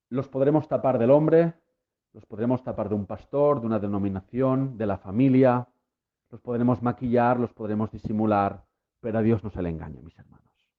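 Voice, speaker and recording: Low-voiced man preaching emphatically. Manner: emphatic preaching with repeated refrains, rising to impassioned peaks. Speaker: lay preacher. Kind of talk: sermon. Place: streamed to listeners at home. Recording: tinny phone-like sound.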